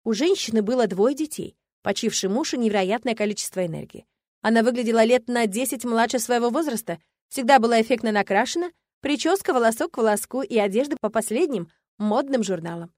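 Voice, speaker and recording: A woman narrating a first-person audiobook with lively storytelling. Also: on the high side, brisk, no echo, clean studio sound. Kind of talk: scripted narration.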